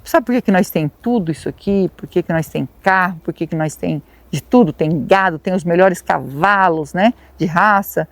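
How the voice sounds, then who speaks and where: A woman's voice: lowish voice, moderate pace, hardly any pauses, no room sound, natural voice. A woman voicing a desperate rich farmer father who pleads and confesses to his wife. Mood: confessing.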